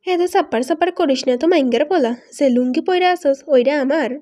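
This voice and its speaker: A stingy, foul-mouthed young husband, voiced by a woman reading the story in a high, mellow voice. He blusters and swears in coarse village dialect, quick to take offence. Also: close to an everyday voice. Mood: complaining. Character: cursing, stingy young man, newly married.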